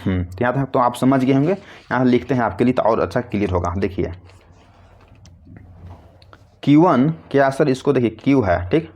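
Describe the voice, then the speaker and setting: Casting note: male physics teacher, mid-pitched voice, quizzes the class and answers himself, coaxes students affectionately. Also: expressive, fairly quick, darkish tone, lo-fi sound. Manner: asks questions and answers them himself, repetitive and coaxing; calls students "babu" affectionately. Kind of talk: classroom lecture explaining a derivation.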